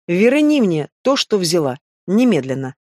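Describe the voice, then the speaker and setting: A man's voice: high-pitched, sing-song, measured pace, darkish tone, dry recording, studio quality. The audiobook reader voicing a stern, sardonic male investigator who speaks in short, cold commands.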